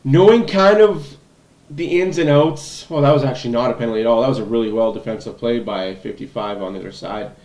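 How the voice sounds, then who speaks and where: A man's voice: medium pitch, a little fast, darkish tone. A man hosting a livestream, giving blunt, opinionated fan commentary over a hockey game. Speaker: livestream host. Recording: echoey room.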